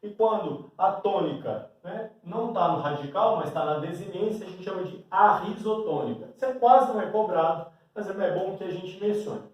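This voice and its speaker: A male teacher with a Brazilian Portuguese accent gives a grammar lesson at a classroom board, speaking at a moderate pace with few pauses in a high, slightly mellow voice. He regularly checks in with "né?". A far-away mic picks him up in a very echoey room.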